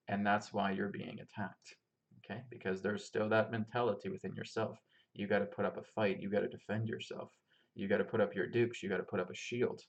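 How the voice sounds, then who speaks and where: A man giving an informal spiritual teaching talk to his listeners, emphatic and repetitive, often checking in with them. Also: on the low side. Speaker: spiritual teacher and healer hosting a live Q&A.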